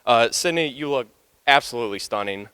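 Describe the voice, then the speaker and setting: A man's voice: medium pitch, animated, brisk, background noise. A young American man giving a rambling, joking best man speech in a conversational, teasing way, with frequent ums and asides. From West Virginia, United States. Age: young adult.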